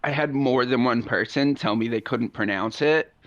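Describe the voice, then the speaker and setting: A young man co-hosting a podcast, telling stories in an animated, casual way. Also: mid-range voice, normal speed, highs cut off. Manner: animated storyteller. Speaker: podcast co-host.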